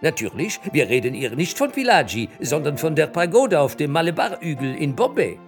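A man voicing an excitable young male servant in a storybook reading, with shrill, excited outbursts. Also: measured pace, soft background music.

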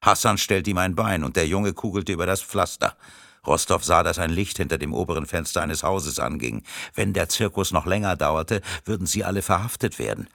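A man reading a thriller audiobook in a steady, measured narration. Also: low voice, creaky, dry recording, studio quality.

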